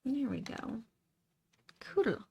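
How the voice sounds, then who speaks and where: Slow-paced woman chatting casually on a livestream. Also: on the high side, expressive, vocal fry, darkish tone. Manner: greets viewers by name, informal. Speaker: live stream host, painter. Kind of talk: casual livestream chat while painting.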